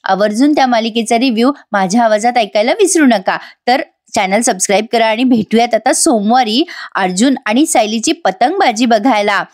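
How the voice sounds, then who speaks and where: A woman's voice: on the high side, expressive, moderate pace, darkish tone. A woman narrating a voice-over recap of a TV serial episode, chatty and speaking directly to her viewers. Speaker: YouTube serial reviewer.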